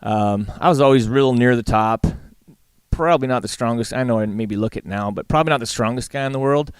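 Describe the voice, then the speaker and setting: Brisk and mid-range, this middle-aged Albertan man's voice has a clean tone in a dry recording. A guest who works as a livestock auctioneer and once roped calves, he talks casually in a plain, folksy manner with a Western Canadian accent.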